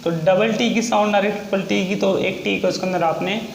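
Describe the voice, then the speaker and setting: A shorthand teacher gives a classroom lesson in a high, steady voice with vocal fry. He is patient and repetitive, spelling words out slowly for his learners. The room is echoey, with a faint hiss in the background.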